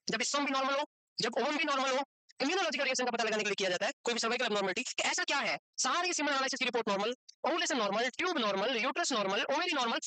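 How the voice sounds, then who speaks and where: A man teaching a medical course, lecturing in a chatty, joking way and quizzing students with quick questions he answers himself. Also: very high-pitched, sharp tone, dry recording, low-quality recording. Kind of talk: lecture to a class, mixed with casual chat. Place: classroom with students present and online.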